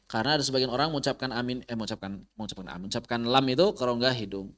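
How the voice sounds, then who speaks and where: A man teaching tajwid in an online class, explaining pronunciation patiently and demonstrating it with slow, drawn-out recitation and repeated syllables. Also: medium pitch, a bit bright. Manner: patient, repeats sounds and syllables many times. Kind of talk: online Quran recitation lesson.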